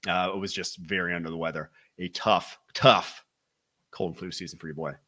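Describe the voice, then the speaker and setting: A young man from Wisconsin with a Wisconsin accent, hosting a solo football podcast with energetic, rapid-fire commentary that stresses key words. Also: low-pitched. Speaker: football draft analyst podcast host.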